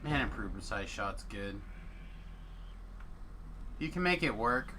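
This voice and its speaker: A man's voice: lowish voice, animated, measured pace, noisy background. A man streaming a video game, chatting casually as he plays. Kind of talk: casual gameplay chat.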